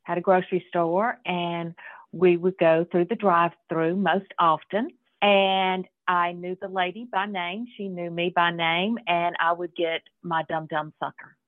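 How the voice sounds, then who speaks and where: A woman guest reminisces easily on a podcast. Her slightly low voice comes through a tinny, phone-like line, dry with no room sound. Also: fairly even intonation, measured pace, dry recording. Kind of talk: casual podcast interview.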